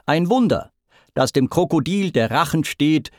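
In a dramatic verse reading, a blustering, boastful sea god , as a man puts him on declaims in a raised, strained voice, swooping widely up and down. He drawls his commands slowly and grandly, with a dry, close sound. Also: fairly high pitch, lively intonation, no room sound, voice pushed up. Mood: grandiose. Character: boastful, blustering male sea god, proud and hot-tempered.

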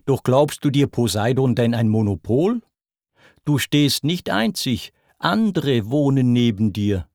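A man's voice: mid-range voice, lively intonation, a little slow, darkish tone, dry recording, studio quality. A man doing a mocking, hot-tempered messenger god. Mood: taunting. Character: quick-tempered young male messenger god.

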